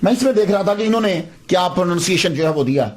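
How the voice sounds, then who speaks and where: A man's voice: high voice, lively intonation. A man giving a patient, explanatory religious lecture, repeating words to stress how they are said.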